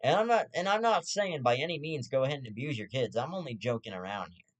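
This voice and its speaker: A man's voice: medium pitch, animated, fast. A young man hosting his own show, ranting in profane, rambling casual commentary with stammered restarts and half-joking asides.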